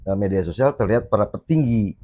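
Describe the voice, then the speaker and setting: A man talking on a casual podcast, explaining his views slowly and thoughtfully with pauses and fillers. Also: lowish voice, lively intonation, dark tone, dull audio. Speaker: podcast guest speaker, [name]. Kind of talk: casual reflective podcast talk.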